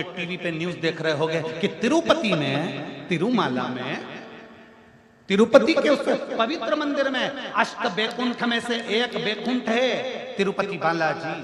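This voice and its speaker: A man preaching a devotional sermon to a large religious gathering, driving points home with repetition and rhetorical questions. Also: high voice. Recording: echoey hall, crowd noise.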